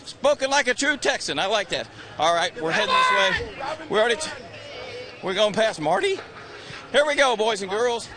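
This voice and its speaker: A man's voice: high voice, huge pitch swings, normal speed, a crowd in the background. Breathless joking man in his sixties. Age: 60s. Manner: joking, teasing, brash banter. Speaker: pit-lane grid reporter. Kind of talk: live race broadcast interviews. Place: outdoors on a race starting grid.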